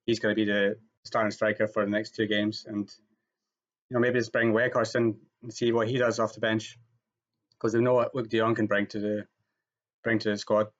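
A man with a fairly low, flat voice talks through football opinions on a podcast. His delivery is steady and measured. The audio sounds slightly dull and lo-fi. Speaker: podcast co-host, football pundit. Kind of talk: casual podcast discussion.

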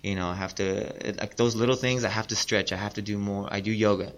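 Low-voiced man in his late thirties. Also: fairly even intonation, a little fast. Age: 30s. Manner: rambling, earnest, repeats himself. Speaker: podcast guest, dancer. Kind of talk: casual interview talk.

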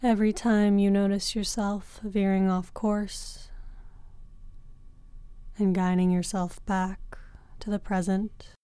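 A woman guides a breathing meditation as a yoga teacher, talking very slowly and softly with long pauses between phrases. Her voice is mellow and smooth. The recording is close and dry, with no room sound. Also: mid-range voice, flat delivery, no echo. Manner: slow, soft and soothing, with long pauses.

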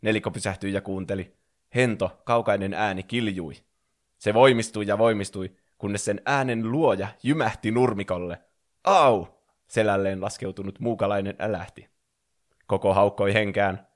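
A man's voice: fairly low pitch, steady tone. A man reading a fan fiction story aloud in a playful way, acting out the characters.

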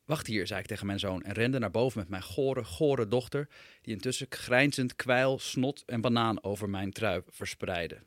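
A man's voice: on the low side, moderate pace, a bit bright, dry recording. A man, a writer, reading aloud his own humorous personal essay with dry, wry storytelling.

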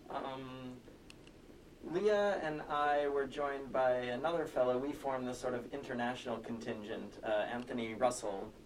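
An American man telling a story as an interview guest, measured and articulate, on a telephone connection. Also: medium pitch. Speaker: interview guest, singer and songwriter. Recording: distant, noisy phone connection.

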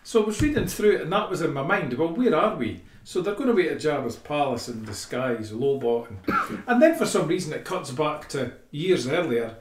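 A man's voice: fairly high pitch, sing-song, normal speed, hardly any pauses, a little hiss or hum. A man co-hosting a casual podcast, animatedly recounting a comic story with laughs. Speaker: podcast co-host. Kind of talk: casual chat. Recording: roomy and distant from the mic.

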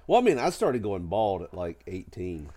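A middle-aged man co-hosts a casual podcast while sick with a cold. His voice sits low and swings in a lively way. The tone is mellow and soft-edged, and the talk is loose and joking. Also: moderate pace. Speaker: podcast co-host. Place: at home in a house.

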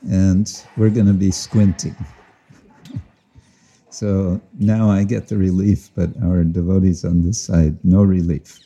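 A man giving a slow, reflective devotional talk outdoors to listeners, often chuckling and explaining Sanskrit and Bengali terms. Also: low-pitched, flat delivery, mellow, slightly rough, dull audio. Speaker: spiritual teacher. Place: outdoors with listeners, sun overhead.

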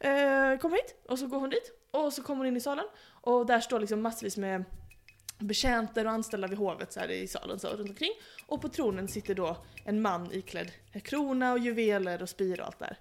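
A woman casually telling a history story to a friend, playfully acting out the people in it. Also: on the high side. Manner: playful, acts out quoted figures, laughs often. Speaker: podcast host telling history.

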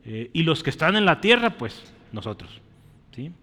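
A man preaches at normal speed in a slightly high, pushed, bright voice with big pitch swings. He teaches the congregation and keeps asking them short questions. The church recording has a long reverb.

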